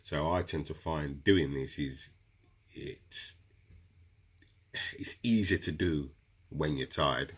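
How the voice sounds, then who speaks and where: Rumbling low and slightly rough, a man with a cold and a runny nose talks slowly and often pauses as he explains meditation. He's a crystal seller making a casual teaching video, chatty throughout and calling viewers "guys."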